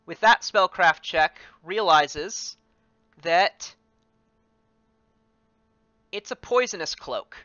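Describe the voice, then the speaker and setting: Bright, halting man game master. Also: high voice, smooth, dry recording. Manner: hesitant, many ums and restarts. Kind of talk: narrating a tabletop game. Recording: dry, muffled voice chat.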